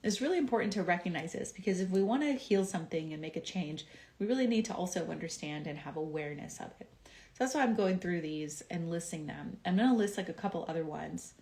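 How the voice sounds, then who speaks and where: Low-voiced woman on a live stream. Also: animated, fast talker, a little mellow. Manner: conversational with frequent "um" and acted-out quotes. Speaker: physician hosting a live stream. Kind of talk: casual live-stream talk to viewers.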